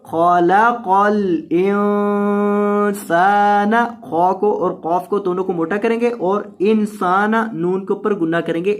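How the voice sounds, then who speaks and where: Quran teacher chanting slowly, then explaining fast. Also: medium pitch, fairly even intonation, a little mellow. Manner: slow drawn-out chanted recitation alternating with quick spoken explanations; repeats each word and spells it out letter by letter. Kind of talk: tajweed lesson, word-by-word.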